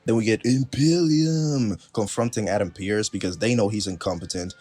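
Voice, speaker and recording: A man's voice: on the low side, moderate pace, dark tone, dry recording. A man casually recapping a wrestling show, chatty and laughing, with lots of fillers.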